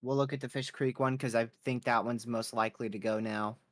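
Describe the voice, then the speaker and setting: A man's voice: mid-range voice, steady tone, brisk. A man hosting a weather livestream, giving casual live commentary on a storm as it unfolds.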